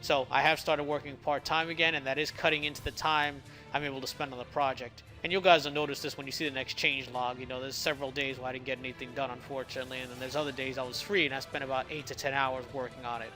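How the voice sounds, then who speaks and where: Man with slightly slurred speech, bright voice. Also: mid-range voice, flat delivery, quick pace, few pauses, soft background music, low-quality recording. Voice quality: slightly slurred speech from a swollen lip and cut tongue. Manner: occasional stumbles and stutters. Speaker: indie game developer narrating a devlog. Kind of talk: casual explanatory devlog talk.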